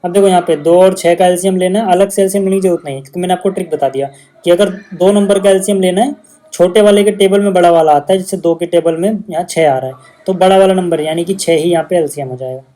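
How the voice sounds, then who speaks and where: A man's voice: sits high, fairly even intonation, fast, warm tone. A male maths teacher, patiently explaining steps in a casual lesson video.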